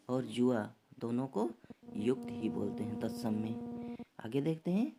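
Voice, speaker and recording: A male teacher gives a recorded online lesson, reading out vocabulary pairs at an extremely unhurried, dictation-like pace. His voice is mellow and dark, with a lively rise and fall of pitch, recorded close to the mic. A faint hiss of noise sits behind him. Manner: slow, deliberate listing of word pairs, like dictation. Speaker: exam-prep teacher.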